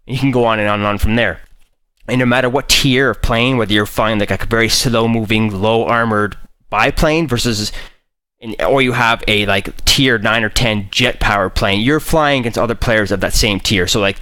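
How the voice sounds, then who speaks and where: A man's voice: medium pitch, normal speed, fairly bright tone, dry recording. A young man hosting a casual unboxing vlog, talking enthusiastically and rambling with lots of fillers. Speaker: YouTube host.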